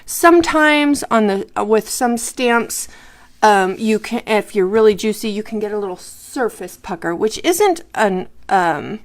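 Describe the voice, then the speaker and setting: A woman's voice: medium pitch, animated, measured pace. A woman teaching a live craft tutorial, explaining each step and checking in with the viewers. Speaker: craft instructor.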